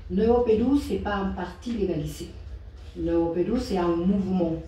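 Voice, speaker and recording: A woman's voice: on the low side, steady tone, normal speed, mellow. A woman from Peru with a foreign, Peruvian Spanish accent in French, giving an informal political talk as an activist and hesitantly searching for her words. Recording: distant mic, echoey room, faint noise.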